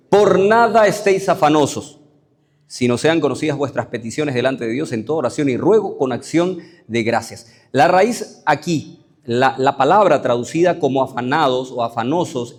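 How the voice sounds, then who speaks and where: A man's voice: medium pitch, a little mellow. A man with a Paraguayan Spanish accent, a pastor preaching a conversational sermon full of rhetorical questions.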